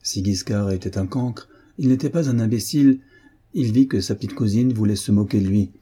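A man reading a novel aloud as a narrator, in a measured, even storytelling delivery. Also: lowish voice, breathy edge. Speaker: audiobook reader. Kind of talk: scripted narration.

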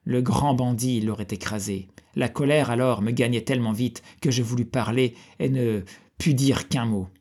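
Man reading an old novel aloud, steady, gravelly and a bit husky. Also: medium pitch, moderate pace. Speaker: audiobook reader.

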